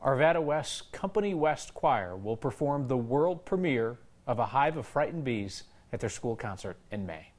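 A man's voice: medium pitch, expressive, normal speed, few pauses, darkish tone. A man anchoring a local evening news show, reading viewer feedback with a wry delivery. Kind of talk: news show segment hosting.

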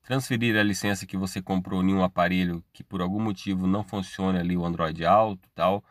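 This tech channel host, a Brazilian man, has a low-pitched voice and talks at a fairly quick clip with fairly level intonation. In his Brazilian Portuguese accent, he guides viewers through a screen-recorded tutorial step by step, keeping it casual and tossing in frequent tag questions. There's no room sound.

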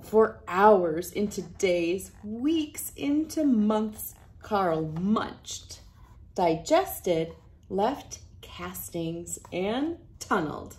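An unhurried woman in her thirties brings a children's book to life with an animated, mid-range voice. The read-aloud narration is expressive and deliberate, recorded in a small wood-panelled room.

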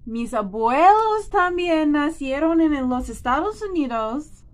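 This clip has her voice sitting high with lively intonation and a slow pace. The New Jersey vlogger, a woman in her thirties with an American accent and native English, chats casually and expressively to camera in a small indoor room.

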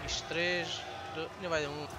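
A young man with a European Portuguese accent commenting on his gameplay, swearing and shouting at the game. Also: fairly high pitch, little pitch movement, normal speed. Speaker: gaming YouTuber.

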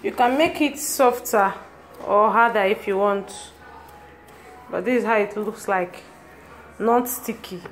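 A home cook with a Nigerian accent gives a casual, step-by-step cooking demonstration in a small tiled kitchen indoors. Her mid-range voice is a little slow with frequent pauses, captured in a roomy, noisy phone recording.

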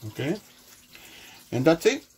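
A man cooks in a small indoor home kitchen, recorded by a camera mic across the room, with a clear hum in the background. His fairly high, darkish voice swings widely in pitch as he gives a casual cooking demonstration in halting non-native English with many restarts. The recording quality is low.

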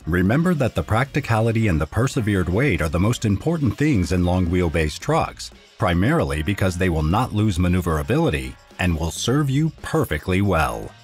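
A man reading a scripted voice-over narration in a steady, informative explainer manner. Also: deep voice, normal speed, few pauses, faint music behind.

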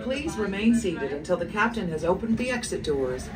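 A woman giving a calm recorded safety announcement, played over a loudspeaker. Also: medium pitch, normal speed, distant mic. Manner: calm, even, instructive.

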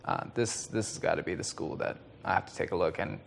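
A young man from China giving a relaxed student testimonial, telling his story with fillers. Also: low voice, brisk, gravelly, a little hiss or hum. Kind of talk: casual testimonial. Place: indoor studio.

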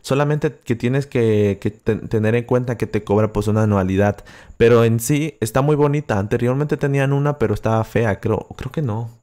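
The young Acapulco livestreamer talks at normal speed in a mid-range, slightly mellow voice with a coastal Guerrero Mexican accent. Sitting close to the microphone, he answers chat casually, with lots of fillers and restarts.

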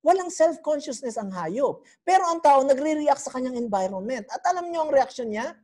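A woman's voice: sits high, fairly quick. Woman preaching with playful questions. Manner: animated, teasing, keeps quizzing the congregation. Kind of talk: sermon teaching.

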